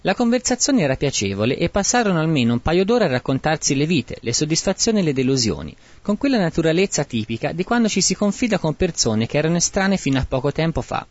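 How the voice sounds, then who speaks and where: A man narrating a bawdy comic tale in a mock-solemn, lively way, in a dry, dull lo-fi recording. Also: fairly high pitch, fast, few pauses, no echo.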